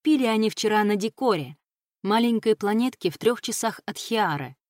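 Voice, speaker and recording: A woman narrating a fantasy audiobook with a steady, expressive reading. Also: medium pitch, moderate pace, dry recording, clean studio sound. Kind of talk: scripted narration of a fantasy novel.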